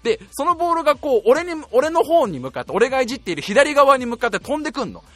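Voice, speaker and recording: A man telling a comic anecdote in a casual, animated way, often laughing as he goes. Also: very high voice, quick pace, no room sound, soft background music. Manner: animated, laughing while telling a story, acting out voices.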